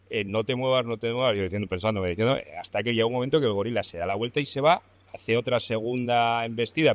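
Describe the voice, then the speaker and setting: A man's voice: mid-range voice, no room sound. A young man with an accent from Spain tells a story as a podcast guest, talking casually and colloquially, laughing often and swearing freely. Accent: Spain Spanish.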